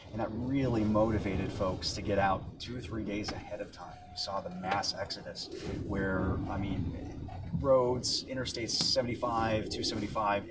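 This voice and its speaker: A man from the Tampa Bay area of Florida reporting live from the field on storm damage, explaining in an unscripted, halting and repetitive way. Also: fairly low pitch. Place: outdoors near flooded coastal neighborhood. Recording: distant mic with loud outdoor noise.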